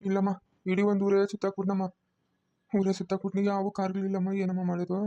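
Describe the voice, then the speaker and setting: A woman voicing a worried village husband who talks low and in a hurried, plain manner. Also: monotone, warm tone, no room sound, lo-fi sound, close to an everyday voice.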